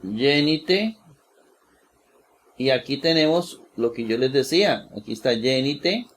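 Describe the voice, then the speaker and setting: Slow, deliberate man teaching word by word. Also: mid-range voice. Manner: slow and deliberate, repeats each word several times; asks "¿verdad?" to check listeners follow. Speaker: Bible teacher. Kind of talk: slow screen-share lesson.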